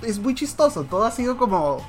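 A man's voice: very high voice, very animated, brisk. A Colombian man hosting a podcast live on a stream, talking casually and animatedly, dropping swear words and restarting his sentences. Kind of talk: casual chat. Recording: faint background music.

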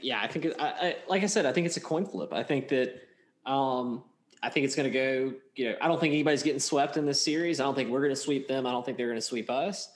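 A man's voice: medium pitch, fast talker. A man co-hosting a casual sports chat, rambling with many restarts and plenty of fan enthusiasm. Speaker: podcast co-host.

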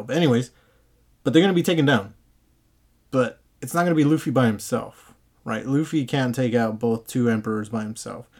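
A man hosting a casual, excited manga chapter review in slangy fan talk, often acting out the characters' lines. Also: mid-range voice.

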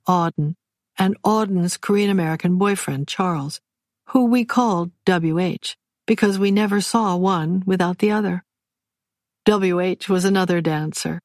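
A woman giving measured, wry first-person audiobook narration. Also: lowish voice, a little mellow, dry recording, studio quality.

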